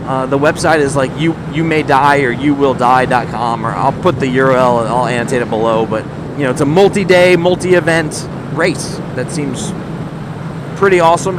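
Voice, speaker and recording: A man talking casually and earnestly from inside a motorcycle helmet as he rides, rambling and thinking aloud in a motovlog. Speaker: vlogger talking to subscribers. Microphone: microphone inside a motorcycle helmet. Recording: loud engine rumble and road noise.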